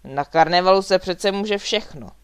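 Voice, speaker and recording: A woman voicing a big, good-natured male giant in a storybook, speaking proudly, loud and slow. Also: fairly low pitch, smooth, natural voice.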